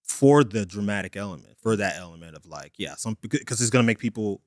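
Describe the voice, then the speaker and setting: A man with a lowish voice co-hosting a podcast in a relaxed way. He muses aloud slowly and easily, often trailing off into fillers. The recording is dry and close. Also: dry recording. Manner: laid-back, drawn-out musing with fillers. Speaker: podcast co-host. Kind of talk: casual conversation.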